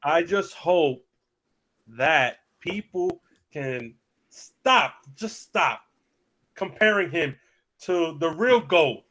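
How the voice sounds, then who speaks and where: A man in his thirties on a casual sports talk livestream, energetic and opinionated, with fillers and repeated starts. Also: on the high side, drawn-out words, pauses often. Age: 30s. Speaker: sports talk show regular.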